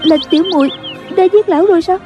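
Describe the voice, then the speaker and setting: A woman putting on a shrill frightened girl. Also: fast, lo-fi sound, over music. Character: young woman, frightened and pleading.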